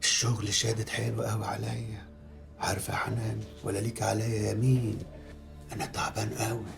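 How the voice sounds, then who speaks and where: With music playing beneath, an actor speaks in a brisk, mid-range, natural voice with vocal fry and an Egyptian Arabic accent. He plays a middle-aged man in a film drama who schemes and threatens his ex-lover while talking piously. The delivery is sanctimonious and menacing, full of religious phrases.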